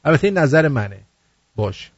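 A man's voice: fairly high pitch, very animated, breathy edge, no echo, lo-fi sound. A man hosting a satirical show, reading out messages and rhyming verse in a jokey, mocking way. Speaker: host.

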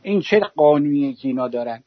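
A man's voice: on the high side, expressive, dry recording. A man from Iran calling in to a talk show and ranting with fiery sarcasm, like he is making a speech. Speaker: caller. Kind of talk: impassioned call-in rant. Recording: dull dry call-in audio.

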